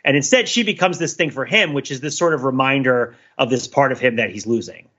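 Heard through a muffled recording, a husky, medium-pitched male voice talks slightly quickly. He's a podcast co-host chatting about pop culture, wandering through animated anecdotes while groping for words and frequently making sure the listener follows.

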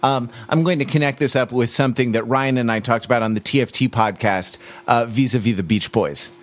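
A man co-hosting a podcast in casual chat, measured and explanatory, often restarting his sentences. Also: mid-range voice. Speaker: podcast co-host.

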